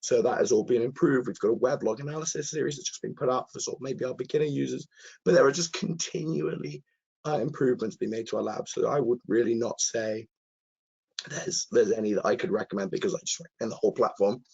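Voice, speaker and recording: Croaky hoarse guy doing a live webinar q&a, keen and wordy, slightly muffled audio. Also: mid-range voice, quick pace, darkish tone. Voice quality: croaky, husky. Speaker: presenter, cyber security content author. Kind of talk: live webinar question-and-answer, casual professional.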